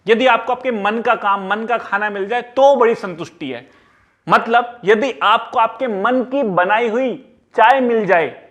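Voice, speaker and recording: Chatty high-voiced Hindi YouTuber man. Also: fairly bright tone. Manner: chatty, mixes English words into Hindi. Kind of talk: casual advice vlog. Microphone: small clip-on mic.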